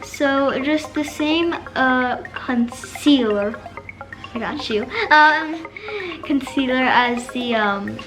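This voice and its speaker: A makeup vlogger with a high-pitched voice talks slowly and casually through a tutorial, chatty and full of fillers and self-corrections. Music plays in the background.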